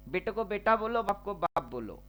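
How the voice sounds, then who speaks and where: A man's voice: sits high, sing-song, normal speed, fairly bright tone, faint music behind. A man teaching trading over a chart, slangy and teasing, firing off rhetorical questions.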